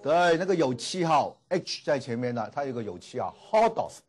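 A man teaching a classroom lecture, repeating each word slowly and filling pauses with drawn-out particles. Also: medium pitch, very animated, darkish tone, slightly rough. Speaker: Greek language teacher. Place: classroom with students.

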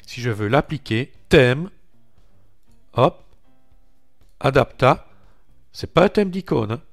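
A man with a French accent walking viewers through software on screen in a relaxed, chatty way, calling out each click with little interjections. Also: medium pitch, vocal fry, soft background music. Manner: slow, chatty, narrates each click with "voilà" and "hop". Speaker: tech tutorial host. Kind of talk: screen-recorded software walkthrough.

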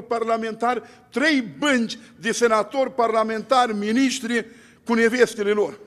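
High-voiced preaching man, church reverb. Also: fairly bright tone. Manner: emphatic preaching with repeated lists and rhetorical questions. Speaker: pastor. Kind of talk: sermon.

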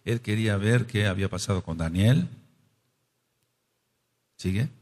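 A man with a Mexican accent teaching a scripture study, who explains and exhorts in short phrases with quick asides. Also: lowish voice, darkish tone. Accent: Mexican Spanish. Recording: long reverb.

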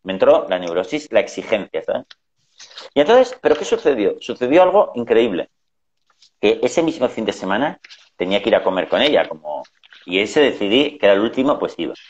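As a guest in a relaxed chat, a middle-aged man recounts family stories, performing the voices of the people he quotes. He speaks lowish, very animated and fairly quick, and the recording sounds dull and lo-fi.

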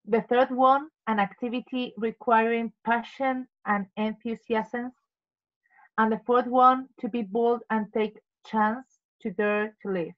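On a video call, a woman presents the word of the day to her meeting in careful non-native English, explaining and reading out definitions. Her voice is a little high, steady, and measured, and the call audio sounds dull.

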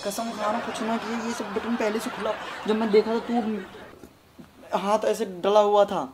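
A man's voice: high-pitched, little pitch movement, a little slow, a crowd in the background. A young man pleading and denying, half laughing as he protests. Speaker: prank video creator. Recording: loud background noise.

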